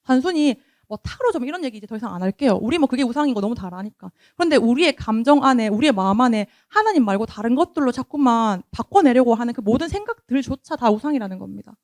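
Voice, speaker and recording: A woman's voice: fairly high pitch, lively intonation, fast talker, few pauses, a little mellow, dry recording. A young woman with a Gyeongsang accent preaching a sermon at a youth service, talking conversationally and asking the congregation questions.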